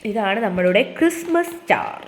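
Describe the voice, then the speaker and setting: Woman; home vlogger, casual step-by-step craft chat, mid-pitched everyday voice. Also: sing-song, normal speed, slight background noise. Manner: chatty, explains step by step to viewers. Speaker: family vlogger.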